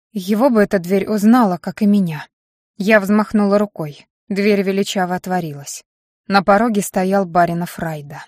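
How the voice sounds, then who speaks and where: A woman reads a first-person audiobook with lively, expressive emphasis. Her voice sits at an ordinary middle pitch for a woman. The recording is dry and close, with no room echo. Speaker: audiobook narrator.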